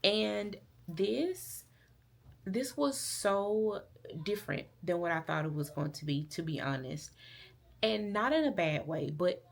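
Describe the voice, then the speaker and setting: A woman's voice: mid-range voice, animated, slow pace, creaky. A woman from Alabama with a Southern accent, chatting casually and rambling about books in her vlog. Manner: chatty, rambling, with fillers and restarts. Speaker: book vlogger. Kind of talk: casual chat.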